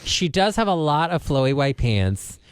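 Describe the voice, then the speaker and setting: A man's voice: on the high side, big pitch swings, normal speed, smooth, no echo. A man hosting a radio talk show from the studio, teasing his caller in a dry, exasperated way. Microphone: studio microphone.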